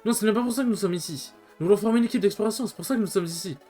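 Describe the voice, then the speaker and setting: A man's voice: high voice, rapid-fire, mellow, faint music behind, close to an everyday voice. A man voicing an earnest young male turtle Pokémon hero from a video game, speaking firmly.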